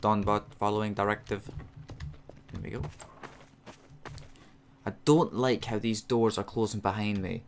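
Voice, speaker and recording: A man's voice: on the low side, a little slow, vocal fry, long pauses, a little mellow, a little hiss or hum. A man giving casual, chatty, sarcastic commentary while playing a video game. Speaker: let's play host.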